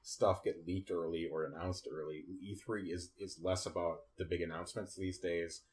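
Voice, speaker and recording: Low-voiced man in casual gaming chat. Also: normal speed. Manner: relaxed, rambling, laughs often. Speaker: podcast co-host.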